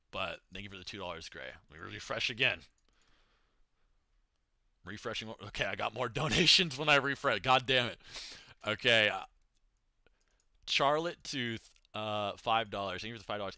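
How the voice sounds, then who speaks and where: Male livestreamer, low-pitched yet bright, dry close sound, rambling, slangy and sweary, casual delivery. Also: moderate pace, pauses often, no echo. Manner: laid-back, reserved. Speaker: livestreamer reading donation messages.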